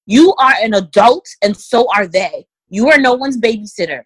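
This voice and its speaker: A woman with a slightly high voice talks through workplace advice in a direct, emphatic way, often turning to her listeners. The sound is dry and close, with no room around it. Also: expressive, normal speed, slightly rough, no echo, poor audio. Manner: direct, emphatic, addresses listeners as guys and ladies. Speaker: career advice guest. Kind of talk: conversational career advice.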